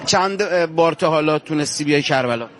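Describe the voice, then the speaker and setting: A man reporting on location at a pilgrimage walk, talking fervently and emphatically to viewers and the people he interviews. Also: a little high.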